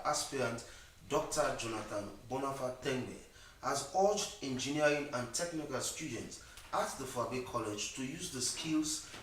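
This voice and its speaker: A man reads the morning headlines in a smooth, polished radio-host manner. His voice sits at an ordinary middle pitch and rings out in a very echoey studio. He sounds a little way off the mic, with faint noise underneath. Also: fairly bright tone, recorded from a distance. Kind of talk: smooth broadcast headline reading. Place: broadcast studio.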